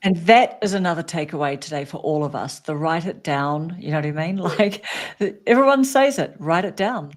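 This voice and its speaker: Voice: medium pitch, animated, normal speed. Jokey voice on a casual livestream. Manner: agreeable, jokey asides.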